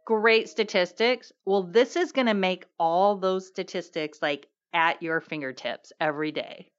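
A hoarse woman co-hosting a casual, upbeat chat. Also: fairly low pitch, measured pace. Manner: upbeat, encouraging. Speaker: podcast co-host. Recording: dull lo-fi recording.

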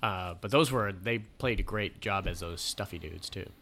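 A man with a lower, gravelly voice that still has a bright, forceful edge. He rambles through casual chat, swears freely and laughs easily. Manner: rambling, profane, quick laughs.

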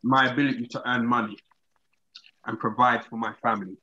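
Husky man, slightly muffled. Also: medium pitch, steady tone, fairly quick, bright, forceful tone. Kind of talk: casual group discussion.

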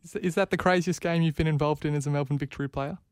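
A man's voice: fairly high pitch, steady tone, quick pace, no room sound, studio quality. A man co-hosting a sports podcast, asking conversational questions in wordy, carefully qualified phrasing. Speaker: podcast co-host.

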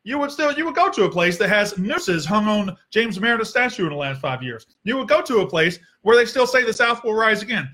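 A man delivers a heated, sarcastic sports rant in a bright voice that sits a little high. He swears freely as he hosts his podcast. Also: big pitch swings, brisk, few pauses.

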